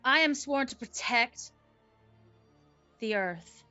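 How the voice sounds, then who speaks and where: A woman playing an earnest forest protector in a tabletop game, speaking in formal, measured, oath-like phrases. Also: on the high side, animated, pushed and bright, muffled recording, soft background music, heavily acted. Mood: solemn vow. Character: solemn, earnest forest protector pleading for peace. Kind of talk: tabletop game role-play.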